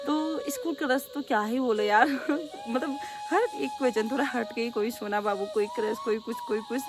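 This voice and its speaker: Young woman, quick loud chatter, fairly high voice, casual vlog Q&A. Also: over music. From Pahadi hill region of North India. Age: young adult. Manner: talks very fast and rather loudly. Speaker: vlogger. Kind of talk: casual Q&A chat.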